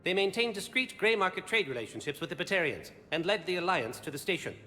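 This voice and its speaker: This man speaks fast in a high, bright, forceful voice full of expression, playing an intense, confident alien special agent in a video game. His delivery is clipped, formal and urgent. The recording has long echoing reverb and background noise.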